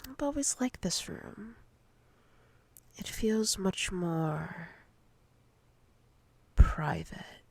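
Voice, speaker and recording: In a whispered ASMR roleplay, a woman plays a domineering, teasing female boss, breathy and husky, speaking deliberately with seductive command. Her mid-range voice is expressive and fully in character, with no echo.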